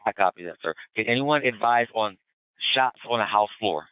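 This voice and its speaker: Low-voiced male dispatcher over police radio. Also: clear, resonant tone, dry recording. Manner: brisk, clipped radio procedure. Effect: police radio transmission. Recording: tinny band-limited radio, dry.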